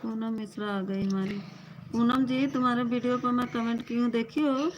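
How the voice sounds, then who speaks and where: A woman's voice: fairly high pitch, steady tone, normal speed, slight background noise, poor audio. A woman with an Awadhi-flavoured Hindi accent, hosting a livestream and chatting casually with viewers in a coaxing way. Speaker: livestream host.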